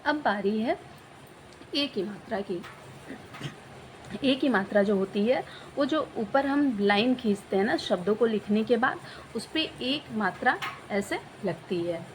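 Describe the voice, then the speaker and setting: A woman teaching Hindi vowel signs, slowly stretching out each sound and repeating example words for learners. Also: a little high, animated, slight background noise, low-quality recording.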